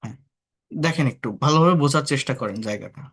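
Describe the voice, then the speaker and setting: This time the Bangladeshi tutor talks fast, his high-leaning voice a bit bright and husky. He guides his online English class with patient explanations and rhetorical questions, mixing English words into his talk.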